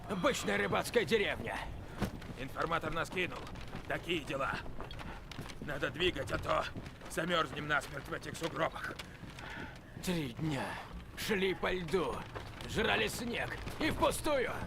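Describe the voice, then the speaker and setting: An actor playing a gruff, complaining soldier freezing on a mission in a dubbed video game. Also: male voice, fairly high pitch, very animated, slow pace, long pauses, noisy background, exaggerated voice. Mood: fed up. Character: grumbling frozen soldier on a snow mission.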